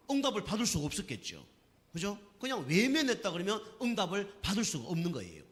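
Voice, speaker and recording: A man's voice: on the high side, a bit bright, big-room sound. A man preaching a sermon to a congregation, asking them questions and checking with them again and again. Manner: asks the congregation questions and keeps checking with "right?". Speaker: pastor. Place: church sanctuary.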